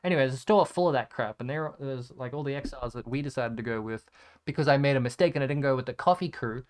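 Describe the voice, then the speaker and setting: A man's voice: mid-range voice, fast, clean tone. A young man telling a rambling, sarcastic story in a casual chat, swearing freely as he looks through his photos. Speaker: content creator.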